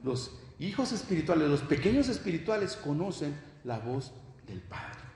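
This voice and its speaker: A pastor preaches in a fairly high voice, pressing his points with repeated addresses to his brothers and sisters. His words carry a long echo through a church hall, with faint noise behind. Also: very animated, normal speed, gravelly, darkish tone. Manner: emphatic preaching, repeats "hermano". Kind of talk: sermon.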